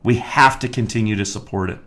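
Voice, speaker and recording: An American man hosting a live stream as a county commissioner, talking emphatically and getting worked up, then speaking in a halting way with many fillers. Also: lowish voice. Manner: worked-up, emphatic, rising to near-shouting; many fillers and restarts when calmer. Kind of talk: live-streamed political talk.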